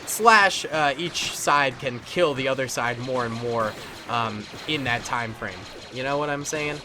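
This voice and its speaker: With a mid-range voice and an unhurried pace, a man hosts casual commentary for his gaming channel over a battle simulator game. He's playful and slangy with frequent chuckles, his nose is stuffed up from a cold, and there's noise in the background.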